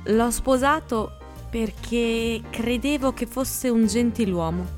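A woman's voice: mid-range voice, fairly even intonation, slow, faint music behind, lightly acted. A woman voicing a bitter, discontented married woman in an audiobook, curt and ambiguous. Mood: reflective. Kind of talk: audiobook character reading.

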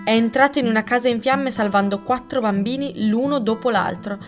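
A woman reading aloud and voicing a shrewd, gentle elderly spinster who speaks in a calm, measured way. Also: a little high, soft background music, natural voice.

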